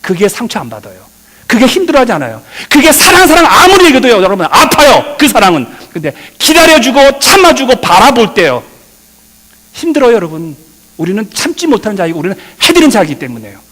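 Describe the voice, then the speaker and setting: A middle-aged male pastor preaching a sermon, swinging between loud emphatic peaks and quiet asides, addressing the congregation directly. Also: high voice, huge pitch swings, a little fast, husky. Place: church sanctuary. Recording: long reverb of a church hall.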